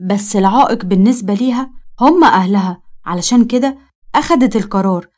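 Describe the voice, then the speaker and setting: A woman's voice: mid-range voice, fast talker, darkish tone. A woman with an Egyptian Arabic accent narrating a moralizing story in a scripted storytelling style.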